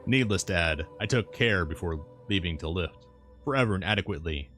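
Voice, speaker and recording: A man reading a classic novel aloud as a streamer, in audiobook-style narration with measured, deliberate phrasing. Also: low voice, animated, a bit bright. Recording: music playing behind the voice. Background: background music.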